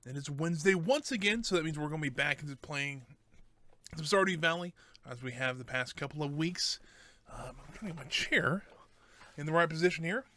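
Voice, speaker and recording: A man's voice: on the high side, brisk, sharp tone. A man casually chatting with his viewers while he plays a game, correcting himself as he goes. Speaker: streamer.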